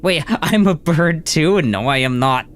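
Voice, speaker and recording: Animated stammering male game streamer. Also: a little high, measured pace. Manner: animated, laughing, stammering restarts. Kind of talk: playing and reading a horror game aloud.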